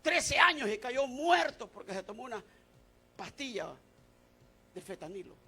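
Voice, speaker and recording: A male pastor preaching a sermon, who moves from shouted declarations to quiet, confiding talk. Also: very high voice, very animated, unhurried, breathy edge.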